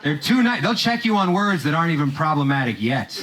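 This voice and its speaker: A man from Romania performing a stand-up set on a theater stage, with deadpan jokes and quick voiced asides. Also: fairly high pitch, background noise. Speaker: stand-up comedian. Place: comedy theater stage with live audience. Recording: live stage recording with crowd laughter.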